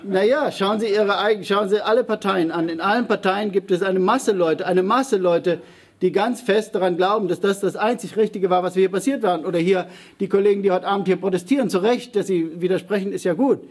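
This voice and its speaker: Husky, emphatic man in a public debate. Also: sits high, fairly quick. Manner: emphatic, hesitant with many fillers and restarts. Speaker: panel speaker answering audience questions.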